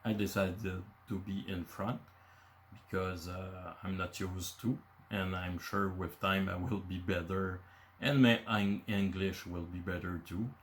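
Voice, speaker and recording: This channel host is a Quebec City man in his fifties whose first language is French, and his Quebecois accent comes through. His low voice holds a level tone at a slightly slow pace, with some background noise. He chats casually from bullet points, full of "uh"s.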